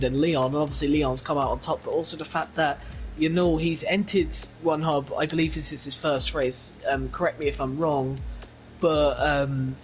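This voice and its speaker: A man's voice: on the high side, low-quality recording. A man giving guest co-commentary on an esports race, speaking earnestly and often repeating phrases.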